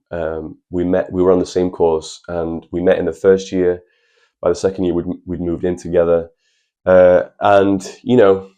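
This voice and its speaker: Young man, deep and mellow, earnest chatty vlog host. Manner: earnest, chatty, addresses viewers as lads. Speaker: channel host. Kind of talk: personal advice vlog.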